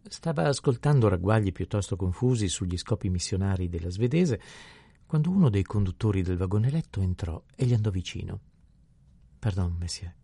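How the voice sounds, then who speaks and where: A man narrating an audiobook in a steady, measured reading style. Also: fairly low pitch, vocal fry, slightly rough, dry recording. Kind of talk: scripted narration.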